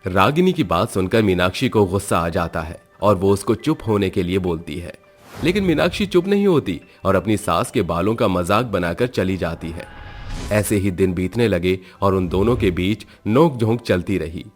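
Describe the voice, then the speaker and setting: A man narrates a cartoon storybook in a steady, even delivery. His voice is very low and deep. Soft music sits quietly behind him. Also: normal speed.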